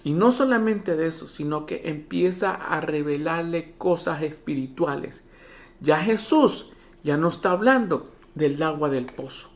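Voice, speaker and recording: Pastor, sermon, animated, home church, rhetorical questions, acts out Bible dialogue, mid-range voice. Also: mid-range voice, measured pace. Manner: animated, repeats "¿me entienden?" to the congregation. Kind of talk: Spanish-language sermon.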